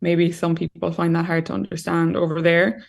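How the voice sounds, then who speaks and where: Speaking at normal speed in a lowish, gravelly voice with a completely flat delivery, a young Irish woman chats as an interview guest. She's on a video call from a room at home, and her casual talk is packed with "like" and "you know."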